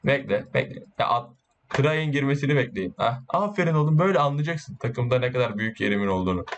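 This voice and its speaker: A man giving casual, excitable gameplay commentary, boasting and swearing while urging his teammates on. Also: medium pitch, fast talker, slight background noise. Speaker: gaming YouTuber.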